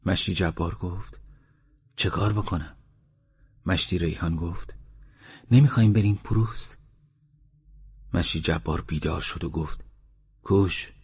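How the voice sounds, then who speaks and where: A man's voice: deep voice, pauses often, darkish tone, husky. A man narrating an audiobook of village stories, raising his voice for the villagers' lines. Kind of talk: storytelling audiobook reading. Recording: dull lo-fi recording.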